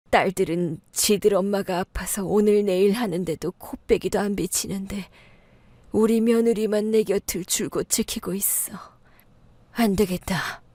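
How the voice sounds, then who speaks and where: A woman's voice: medium pitch, darkish tone, dry recording, lightly acted. A woman voicing a frail, dying old mother-in-law who speaks weakly and partly in a whisper, in a storybook radio tale.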